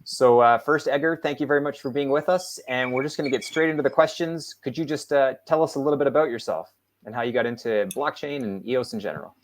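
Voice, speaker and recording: A man hosts an interview in a relaxed, casual way. He sounds upbeat and easygoing, and his speech is sprinkled with filler words as he asks his questions. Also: mid-range voice, fast. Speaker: interview host.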